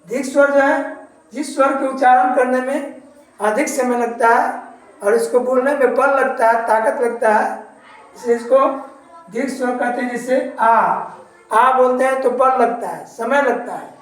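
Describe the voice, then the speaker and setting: A woman teaching a grammar lesson, explaining slowly and repeating each point. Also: high-pitched. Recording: very echoey room, far from mic.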